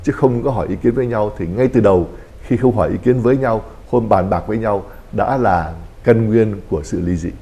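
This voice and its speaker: A fast-talking priest, his low, mellow voice running on in a talk show discussion. He explains family life and slips into short acted-out quotes of people talking. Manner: explanatory, acts out little quoted dialogues.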